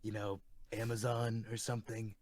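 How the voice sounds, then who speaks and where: A man's voice: lowish voice, normal speed, background noise, close to an everyday voice. A man voicing an edgy, volatile hedgehog antihero in a fan Q&A, blunt, sardonic and foul-mouthed. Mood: deadpan. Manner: deadpan, foul-mouthed, ranting. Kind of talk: improvised in-character fan Q&A.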